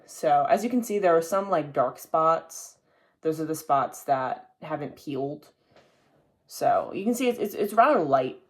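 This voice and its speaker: Chatting to the camera on his video podcast, this young host rambles loosely and swears now and then. His fairly high voice is expressive and his pace measured.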